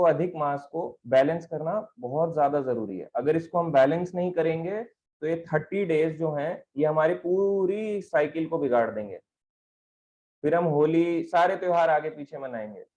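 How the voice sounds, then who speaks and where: Male spiritual teacher, slightly high voice, patient explanatory delivery that asks and answers itself, stand mic, dull recording. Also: a little mellow. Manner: explanatory, asks and answers his own questions. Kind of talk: devotional talk on scripture.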